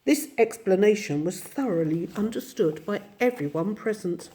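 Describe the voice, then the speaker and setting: A woman reading a classic children's storybook aloud in a gentle, unhurried way. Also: medium pitch, animated. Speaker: narrator.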